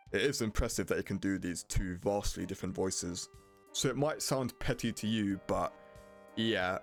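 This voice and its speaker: A man narrating a scripted video game review in a blunt, casual way. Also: on the low side. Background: prominent music.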